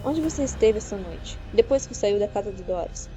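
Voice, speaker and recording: A woman's voice: medium pitch, expressive, brisk, mellow, a little hiss or hum, lightly acted. A woman voicing a jealous young man who accuses his fiancée in an audiobook reading. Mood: probing. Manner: accusing, insistent. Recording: dull lo-fi with faint music.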